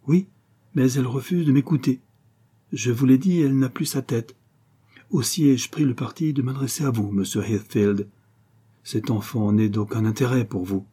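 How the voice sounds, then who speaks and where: A man's voice: medium pitch, normal speed, mellow, husky, close to an everyday voice. A man reading aloud and voicing an anxious, plain older woman who pleads earnestly in a storybook. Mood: pleading. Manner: earnest pleading, rising to outcry.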